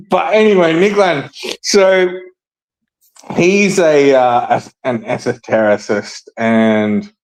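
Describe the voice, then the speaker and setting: A fairly high-pitched man hosts a casual podcast chat, rambling and hesitant, packing in fillers and laughing often. The audio quality is poor.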